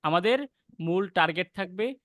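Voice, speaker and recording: Young Bangladeshi man, high voice, dry close sound, patient recitation teacher who demonstrates letter sounds. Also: animated, fairly bright tone, dry recording. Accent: Bangladeshi Bengali. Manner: explains patiently, then recites verses slowly and drawn out. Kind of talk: online class lesson with slow recitation.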